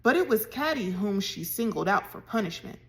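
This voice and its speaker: A woman reading a children's novel chapter aloud in an expressive storytelling way. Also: medium pitch, fairly quick. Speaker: reader.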